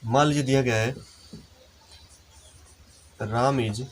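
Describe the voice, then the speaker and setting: A man teaching English grammar in a lesson, explaining step by step and slowing down to dictate example sentences. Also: medium pitch, fairly even intonation, a little hiss or hum. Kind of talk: Hindi-language classroom lesson.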